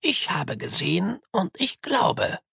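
A man voicing a calm, pedantic older male monk who talks in a measured, lecturing way. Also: sits high, gravelly, breathy edge, no echo, studio quality, pitched above the performer's own voice, full character voice.

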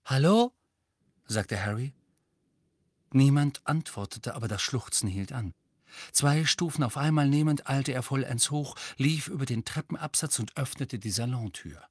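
Male audiobook narrator, measured storytelling, dead-dry booth sound. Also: mid-range voice, slightly rough, no room sound.

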